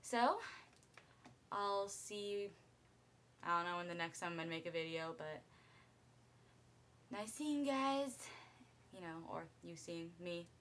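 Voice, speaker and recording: A teenage girl with a raspy, hoarse voice, tired from lack of sleep, chatting casually to camera with lots of ums and likes. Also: on the low side, unhurried, long pauses, fairly bright tone, a little hiss or hum. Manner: rambling, full of ums and likes. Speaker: cover singer and vlogger.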